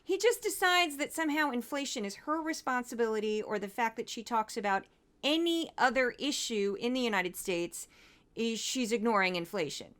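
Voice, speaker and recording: A woman's voice: on the high side, normal speed, fairly bright tone. A woman hosting a commentary show, breaking down news clips in a wry, exasperated, conversational way.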